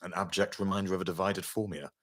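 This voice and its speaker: A man voicing a weary, bitter male dragon-like monster with a husky, rumbling voice, low and hushed, read aloud as part of a game epilogue. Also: steady tone, fast. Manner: gloomy, self-pitying.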